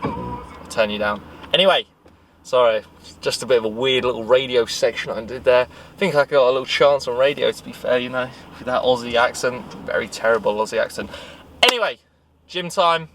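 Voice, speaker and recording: A man talks casually into a handheld camera, chatty and upbeat, looping back with fillers and restarts as he goes. His voice sits at an ordinary middle pitch for a man. A faint wash of background noise sits behind him. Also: a little fast. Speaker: fitness vlogger. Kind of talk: casual vlog chat.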